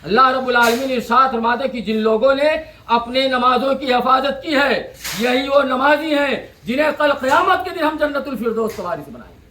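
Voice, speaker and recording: A man's voice: extremely high pitch, a little fast, few pauses, bright, forceful tone, a little hiss or hum. A man delivering a Friday sermon in a mosque, speaking in rhythmic repeated phrases and reciting Arabic verses. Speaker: preacher. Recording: echoey mosque hall.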